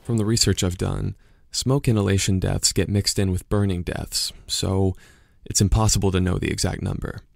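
An actor playing a curious young podcaster-investigator who narrates and questions in a measured way in an audio drama. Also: male voice, deep voice, flat delivery, vocal fry, dry recording, studio quality. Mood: narrating.

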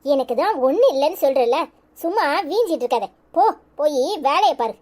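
A woman plays a stubborn young cartoon wife whose high voice drops into a curt, dismissive tone. She speaks with a Tirunelveli Tamil accent. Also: lively intonation, a little fast, mellow. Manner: curt, dismissive, brushing things off. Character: young village wife, stubborn, sulky and defensive.

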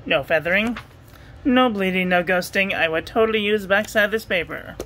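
A woman reviewing ink and paper at a home desk, talking through a steady, repetitive checklist and getting excited about the ink colors. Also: medium pitch, normal speed, a little hiss or hum, rough recording. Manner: enthusiastic over ink colors. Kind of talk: casual product review voice-over.

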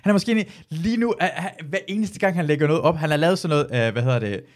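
A man hosting a podcast in casual chat, animated and ranting, swearing freely. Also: on the high side. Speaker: podcast host.

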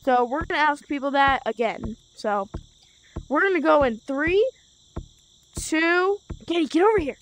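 A woman hosting a casual gaming video, talking in an excitable way with loud exclamations. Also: high voice, measured pace, slight background noise. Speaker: host.

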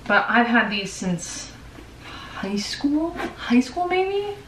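A woman's voice: on the high side, big pitch swings, takes it slowly, fairly bright tone. A chatty, upbeat woman in her twenties talks casually in her bedroom. She sits back from the camera, so her voice sounds a little distant. The room adds echo, with a faint hiss behind. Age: 20s. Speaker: vlogger. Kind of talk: casual chat. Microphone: far camera. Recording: roomy, from a distance.

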